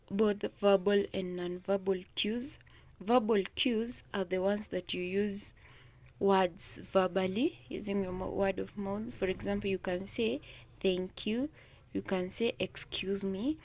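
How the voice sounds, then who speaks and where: Slow-talking woman teacher. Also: mid-range voice. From Kenya. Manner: slow, deliberate explaining, stretching example words. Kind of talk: exam revision lesson.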